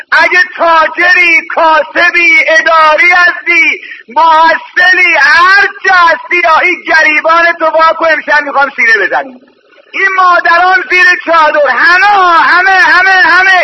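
A male preacher delivering an impassioned, chanted religious lament to mourners in a hall, often shouting and repeating calls to listen. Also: extremely high pitch, slight background noise.

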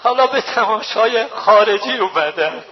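A man preaching a religious sermon at a mourning gathering, moving between plain storytelling and high wailing chant. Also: expressive, a little hiss or hum. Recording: dull low-fidelity recording.

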